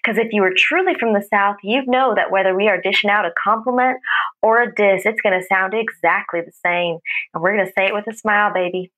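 A woman's voice: mid-range voice, fairly quick, a bit bright, lightly acted, rough recording. A woman playing a sweetly scolding restaurant manager, polite but cutting, in improvised comedy.

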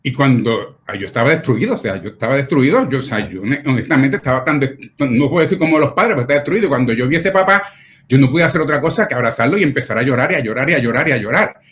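A man's voice: medium pitch, lively intonation, very fast, fairly bright tone. A middle-aged man, a pediatric doctor telling personal stories in an interview in an earnest, emotional way, often adding tag questions. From Puerto Rico. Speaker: pediatric nephrologist.

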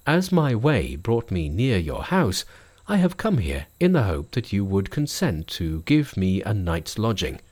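Guy playing a polite calm monk on a pilgrimage, measured and gentle-spoken, storybook voice. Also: fairly low pitch. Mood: courteous.

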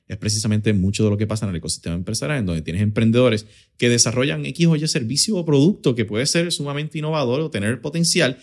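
A man from Puerto Rico, with a Puerto Rican Spanish accent and a fairly low voice, appears as a guest in his role as a startup accelerator director. He answers interview questions in an explanatory way, mixing in English business terms.

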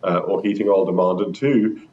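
A low-pitched man gives explanatory interview answers as an energy expert. He is measured, now and then repeating himself, over a dull remote line. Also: steady tone, darkish tone. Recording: muffled remote line with rumbling noise.

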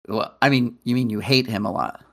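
A man's voice: mid-range voice, fairly quick, vocal fry. A man co-hosting a podcast in casual chat, dryly reading out card details. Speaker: podcast co-host.

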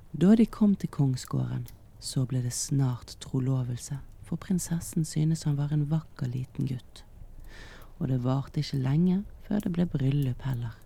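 A man reading a fairy tale aloud slowly and softly, often half-whispering. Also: medium pitch, creaky, husky. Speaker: storyteller. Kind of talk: slow whispered storytelling for relaxation.

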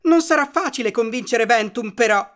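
Termo, woman voicing an animated high-voiced cartoon boy. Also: normal speed, natural voice. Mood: earnest. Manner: animated, earnest. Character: Termo, sensible bookish young boy hero. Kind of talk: children's cartoon podcast acting.

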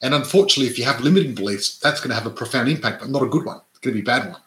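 Male co-host, raised in Adelaide, chatty, self-correcting, bright tone, roomy echo. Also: mid-range voice, lively intonation, rapid-fire. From Australia (Adelaide). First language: not English; parents were immigrants. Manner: chatty, tags statements with "right?", many restarts. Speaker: podcast co-host, real estate investor. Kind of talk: casual chat.

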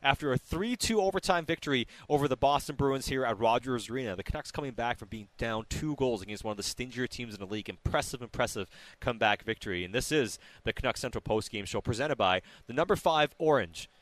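Guy hosting sports radio post-game, talks fast, dry close studio sound. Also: mid-range voice, animated, no echo. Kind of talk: live sports talk radio.

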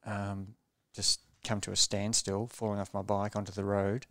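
A man, a former racing cyclist, telling a story as a podcast guest in a measured, low-key way and often restarting his phrases. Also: completely flat delivery, no echo. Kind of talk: reflective storytelling in a podcast interview.

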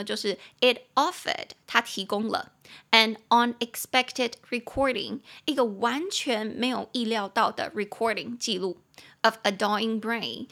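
A young adult woman hosting a podcast English lesson, chatting and slowly spelling out words as she explains them. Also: on the high side, vocal fry, fairly bright tone. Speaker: English teacher and podcast host.

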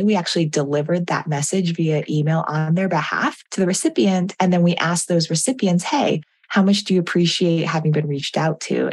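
A woman's voice: low-pitched, a little mellow. A woman researcher explaining things conversationally as a guest.

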